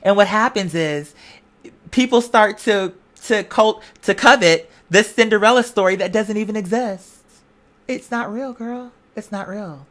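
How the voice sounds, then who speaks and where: Speaking unhurriedly in a mid-range voice, a woman vlogger motivates her audience in a loose, slangy, conversational way. She leans on emphatic repetition reminiscent of a preacher.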